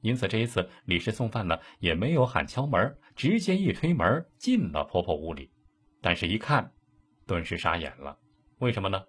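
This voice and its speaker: A man telling an old case story in a lively, colloquial way. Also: low-pitched, moderate pace, husky. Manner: lively, colloquial, dramatic asides. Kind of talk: casual storytelling.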